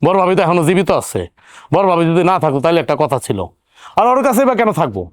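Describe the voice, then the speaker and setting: A smooth, fairly high male voice plays a hot-headed younger son in a TV family drama. He argues and fires off indignant questions. The sound is close and dry. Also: very animated, rapid-fire, no room sound. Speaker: younger brother-in-law. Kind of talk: TV drama acting.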